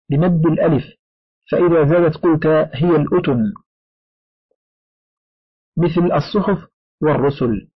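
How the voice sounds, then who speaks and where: A man reading a classical grammar book aloud as an audiobook, in a steady formal recitation that includes its footnotes. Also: a little high, breathy edge, no echo. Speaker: audiobook reader. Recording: dry, dull lo-fi recording.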